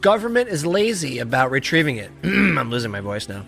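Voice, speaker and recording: Comedy co-host, man, higher voice, loose rambling reads, faint music bed. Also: very animated, a little fast, gravelly, a bit bright. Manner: rambling, chuckling, reads news aloud. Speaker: podcast co-host. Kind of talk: casual live-stream chat.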